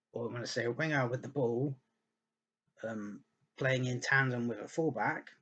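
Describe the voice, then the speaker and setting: Man, very husky, mid pitch, rambling football analysis, hiccups, restarts. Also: a bit bright. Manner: rambling, thinking aloud with many ums and restarts. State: hiccuping and burping. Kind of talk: casual spoken analysis over slides.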